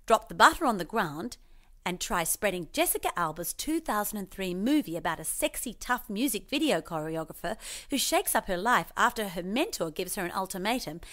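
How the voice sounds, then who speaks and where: Briskly and in a mid-range voice, a female narrator performs a parody reading of a scripted children's storybook, expressive and mock-serious throughout.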